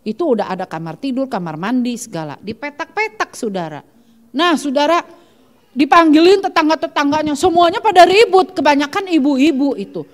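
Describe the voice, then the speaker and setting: A woman pastor preaches to her congregation in an animated way, acting out voices in her stories and turning often to the listeners. Her voice sits a little higher than most women's. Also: fairly quick, long reverb tail. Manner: animated preaching, constantly addressing the congregation as "saudara". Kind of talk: sermon. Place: church.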